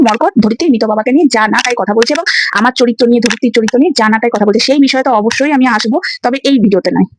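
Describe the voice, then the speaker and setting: Fast talking woman vlogger, high pitched, keeps repeating herself and pushing hard, little hiss behind. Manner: forceful, repetitive, challenging. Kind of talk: angry direct-to-camera rant.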